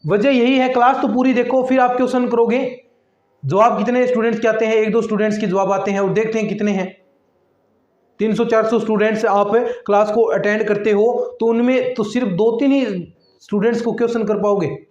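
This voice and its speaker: A man's voice: high voice, fairly even intonation, fairly quick, darkish tone. A man teaching a maths class online, talking to his students in a chatty, repetitive way as he works at a board. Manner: chatty and repetitive, addresses students as friends and lectures them about attendance. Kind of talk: online exam-prep lecture. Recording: echoey room, slightly dull sound.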